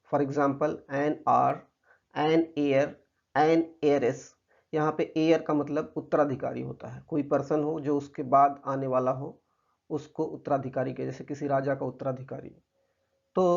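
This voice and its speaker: Indian man, grammar teacher, patient explanations, gravelly voice, dull lo-fi sound. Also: fairly high pitch, a little mellow. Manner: patient, explanatory, reads English examples slowly. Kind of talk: grammar lesson explaining slides. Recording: muffled lo-fi recording.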